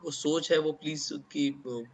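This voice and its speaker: A man's voice: on the high side, fairly even intonation, unhurried, gravelly. A man hosting an interview, asking his guest questions politely and calling him sir. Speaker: host.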